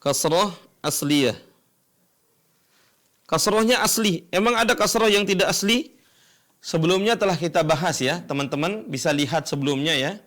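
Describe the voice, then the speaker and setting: A man teaching Quran recitation rules step by step, asking and answering his own questions and chanting examples slowly. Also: high-pitched, fairly bright tone. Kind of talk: educational lesson explaining tajwid rules.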